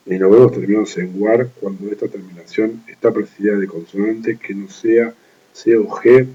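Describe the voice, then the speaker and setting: A man reading a legal writing manual aloud, steady and methodical, restarting words he stumbles on and adding brief offhand remarks. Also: on the low side, muffled recording. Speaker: law study reader.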